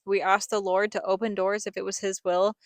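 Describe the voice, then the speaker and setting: A woman's voice: medium pitch, flat delivery, brisk, no room sound. A young woman reading a scripted vlog voice-over in a reflective, earnest storytelling manner. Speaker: family vlogger, co-host.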